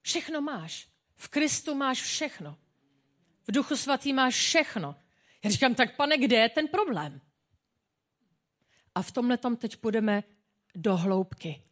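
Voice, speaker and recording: A woman's voice: fairly high pitch, sing-song, pauses often, fairly bright tone. A woman pastor giving a sermon in a personal, humorous, conversational way.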